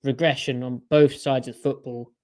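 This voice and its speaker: A man's voice: mid-range voice, little pitch movement, moderate pace, a little mellow. A man co-hosting a podcast in casual sports chat, talking in a chatty way with strings of rhetorical questions. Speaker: podcast co-host.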